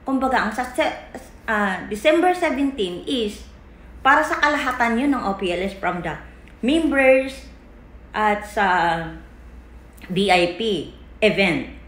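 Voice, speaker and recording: A woman leading a group, confronting a member with long pauses and hesitations. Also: fairly high pitch, expressive, a bit bright, echoey room. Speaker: group leader. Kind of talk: livestream rant.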